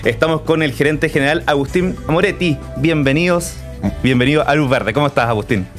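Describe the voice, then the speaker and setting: A man's voice: on the high side, brisk, faint music behind. A man co-hosting a talk show, asking the guest questions in a playful, easygoing way. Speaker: radio show co-host. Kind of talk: casual interview hosting.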